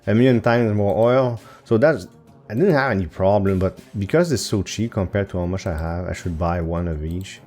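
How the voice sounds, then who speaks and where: A man's voice: low-pitched, moderate pace, mellow, soft background music. A man hosting his own gaming channel, thinking aloud over gameplay with hesitant fillers and self-corrections. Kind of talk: casual gameplay commentary. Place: home recording setup.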